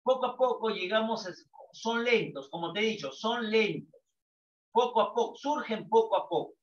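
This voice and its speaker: Older man, psychology teacher, animated question-and-answer lecturing, echoey distant lo-fi sound. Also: high voice, moderate pace, slight background noise. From Peru. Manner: lively, asks and answers his own questions. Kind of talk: lecture to students.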